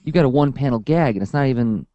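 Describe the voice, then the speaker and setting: Rapid-fire and medium-pitched, a man who teaches comics workshops chats and tells stories at length, animatedly performing the people in them. The recording is dry and muffled.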